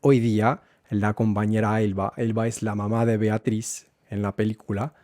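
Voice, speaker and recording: A man teaching a Spanish lesson, going slowly and repeating words so learners can follow. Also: fairly low pitch, little pitch movement, darkish tone, dry recording, clean studio sound. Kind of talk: language lesson.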